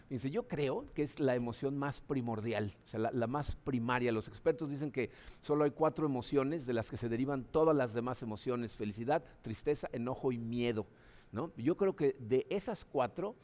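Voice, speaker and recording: A man, a Mexican pastor, preaching a sermon in a conversational way, often tagging his sentences with a questioning "no?". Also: darkish tone. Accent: Mexican Spanish. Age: adult, father of children. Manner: conversational preaching, frequent "¿no?" tags; acts out voices with sudden high pitch jumps.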